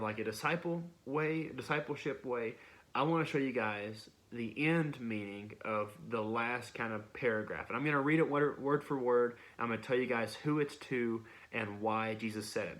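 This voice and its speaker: A young man gives a sermon in a relaxed, conversational way, sounding more like a talk with friends than a formal address. He often stops mid-phrase, repeats a word and starts over as he works through his point. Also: medium pitch. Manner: conversational, frequent restarts and repeated words. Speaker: preacher. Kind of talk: casual sermon.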